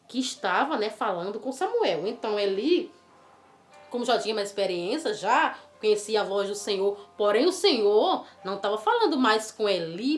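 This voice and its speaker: Lady telling kids a bible story, lively and coaxing, echoey room, soft music behind. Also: medium pitch. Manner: animated, coaxing, asks the child questions. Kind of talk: storytelling for children. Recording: roomy with faint music.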